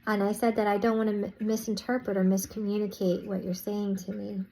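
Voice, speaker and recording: A woman's voice: medium pitch, little pitch movement, a little fast, dark tone, a little hiss or hum, rough recording. A woman vlogger casually recounting a spiritual experience, rambling with restarts and "I was like" asides.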